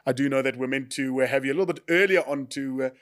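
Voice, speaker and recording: A man's voice: medium pitch, fast, a bit bright. A jovial man co-hosting a casual sports chat show, laughing often and using lots of fillers. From South Africa. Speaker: co-host.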